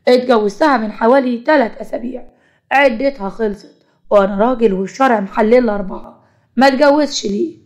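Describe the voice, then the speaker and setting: A woman voicing a smug, defensive husband in an animated storybook tale, talking bluntly and fast. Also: a little high, natural voice. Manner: blunt, self-justifying.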